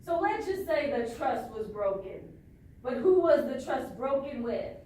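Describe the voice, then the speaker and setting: Woman leading group q&a, high voice, kinda halting n repetitive, lots of echo, mic far away. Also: lively intonation, dark tone. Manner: questioning, halting, repeats herself. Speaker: trainee facilitator. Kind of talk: leading a group discussion with questions. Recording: echoey room, far from mic, faint noise.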